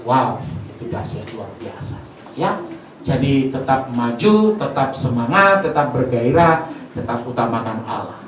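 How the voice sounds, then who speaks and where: A male pastor giving an emotional sermon with a personal testimony, shifting between soft and loud, often turning to address the congregation. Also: medium pitch, animated, measured pace. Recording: very echoey hall, mic far off, faint noise.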